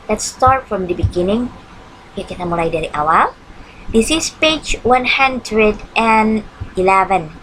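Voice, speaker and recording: A woman teacher with an Indonesian accent, giving an online English lesson and translating each English line into Indonesian, with frequent hmm pauses. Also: fairly low pitch, a bit bright, a little hiss or hum, low-quality recording. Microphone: computer mic on a screen-shared video lesson.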